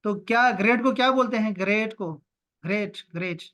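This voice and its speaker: A man teaching an online language lesson over a video call, repeating words slowly and drawing them out for his learners. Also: high voice, fairly bright tone. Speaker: Arabic teacher.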